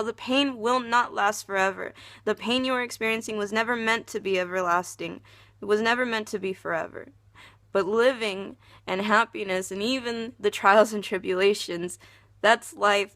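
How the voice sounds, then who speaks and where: A woman's voice: medium pitch, bright, forceful tone, dry recording, studio quality. A young woman vlogger speaking tearfully in an earnest, heartfelt confessional. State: tearful, crying. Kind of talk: confessional personal vlog.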